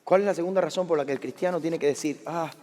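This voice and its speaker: A middle-aged man preaching a sermon as a pastor, animated, asking the congregation questions and telling personal stories. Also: a little high, rapid-fire. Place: large church sanctuary. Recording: long hall reverb of a church.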